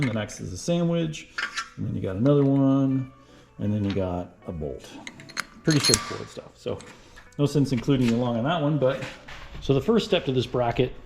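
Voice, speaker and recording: A man casually narrating his car fabrication work as he goes, thinking out loud and often checking in with "right?". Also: mid-range voice, gravelly. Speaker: car restoration vlogger. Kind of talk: casual how-to narration while working.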